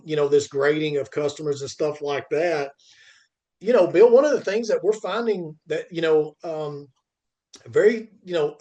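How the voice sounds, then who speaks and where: A freight industry commentator and podcast host speaks unscripted, emphatic and halting, often repeating the first words of a phrase and answering his own questions. His voice is fairly high in pitch and a little mellow.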